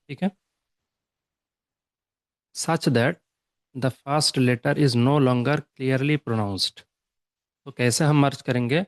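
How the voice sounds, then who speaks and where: A male teacher explaining recitation rules in a patient classroom manner. He stops often to check that the class has understood and slows down for each definition. His voice sits at a middle pitch and is recorded close, with a dry, dead sound. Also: dry recording. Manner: mixes English terms into Urdu, checks understanding with repeated "okay?" and "clear?"; reads English definitions slowly and deliberately. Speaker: Tajweed teacher.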